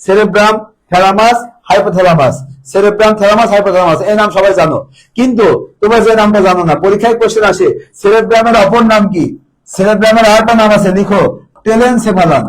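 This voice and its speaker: A quick-paced man with a high voice coaches students for a biology exam. He repeats each term and quizzes them on it, captured in a low-quality recording.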